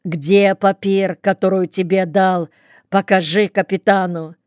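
A woman voicing a desperate young male soldier who shouts and pleads in bursts, in an audiobook. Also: medium pitch, fairly even intonation, measured pace, clear, resonant tone, no room sound, clean studio sound, natural voice. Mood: stammering pleading.

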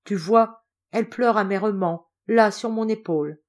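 A hearty, blustering old general, a doting grandfather who speaks up loudly and warmly, as a woman reader puts him on. His voice rides higher and louder than the storyteller's own. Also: normal speed, close to an everyday voice. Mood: tender.

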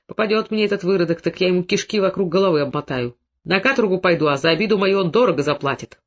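Brief: man voicing gruff, hoarse, wrathful village father, dull lo-fi audio. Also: high voice, fast talker. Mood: vengeful. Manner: hoarse, gruff, through clenched teeth. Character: stern middle-aged male Cossack father, wrathful. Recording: dull lo-fi recording.

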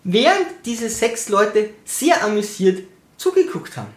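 A man's voice: high voice, very animated, measured pace. A young man telling a personal story in a casual, sarcastic way, acting out the voices of the people he quotes. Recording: roomy echo.

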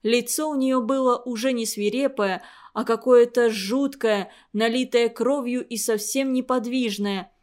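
A woman's voice: fairly high pitch, fairly even intonation, unhurried, few pauses, darkish tone. A woman reading a story aloud.

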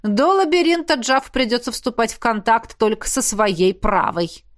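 A woman voicing a sly, teasing dark-eyed teenage boy in an audiobook. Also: fairly high pitch, expressive, moderate pace, lightly acted. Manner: smirking, teasing. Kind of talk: audiobook character voice.

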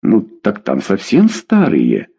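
A man's voice: fairly low pitch, wildly swooping pitch, takes it slowly, gravelly, dark tone, slightly rough, heavily acted. A man reading a dry, bored official. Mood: skeptical. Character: dry, skeptical male official.

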